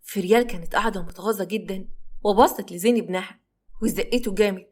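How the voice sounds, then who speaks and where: Brisk Egyptian woman storyteller. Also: medium pitch, a little mellow, breathy edge. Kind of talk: dramatic story narration.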